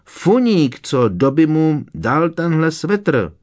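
Dobby, a man voicing a shrill squeaky house-elf. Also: sing-song, darkish tone. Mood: pleading. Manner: squeaky, shrieking, talks of himself in third person. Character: shrill eager male house-elf servant.

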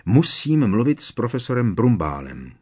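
A man's voice: medium pitch, expressive, breathy edge, pitched above the performer's own voice. A man voicing an anxious teenage schoolboy who talks urgently and pleads in a raised voice in an audiobook. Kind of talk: audiobook character voice.

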